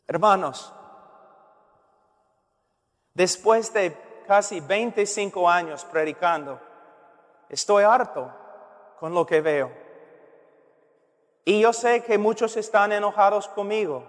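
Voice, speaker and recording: A man's voice: high-pitched, slow, pauses often. A middle-aged male preacher delivering an earnest, emphatic sermon, heard in a reverberant hall.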